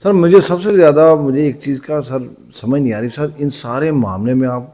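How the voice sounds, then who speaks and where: A man's voice: mid-range voice, mellow. Pakistani host guy, polite, keeps saying yes sir. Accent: Pakistani Urdu. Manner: deferential, frequent agreeing. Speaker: interview host. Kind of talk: interview and show sign-off.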